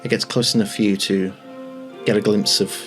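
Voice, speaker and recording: A man narrating a tabletop game as game master in a measured, descriptive way. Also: on the low side, level tone, a bit bright, faint music behind.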